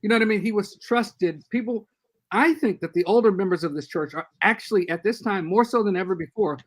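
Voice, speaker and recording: Speaking in a high-pitched voice, an elderly church leader joins a laid-back podcast by video call as a guest. He gives advice in an earnest, measured way.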